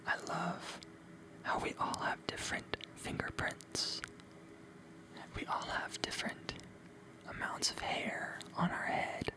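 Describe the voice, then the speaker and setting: An ASMR host whispers encouragement in a breathy, unvoiced voice, repeating motivational phrases over and over. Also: slow, long pauses, low-quality recording.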